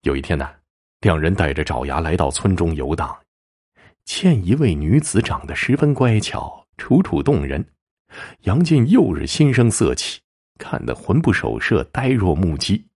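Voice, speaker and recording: A man narrating a story dramatically, swinging between low murmurs and raised bursts. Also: big pitch swings, moderate pace, a little mellow, slightly rough.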